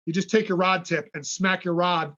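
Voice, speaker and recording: A man guest on a podcast, telling stories in a casual, animated way, swearing freely and acting out what people said. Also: high voice, normal speed, dull audio. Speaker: podcast guest, fishing brand founder. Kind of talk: casual storytelling.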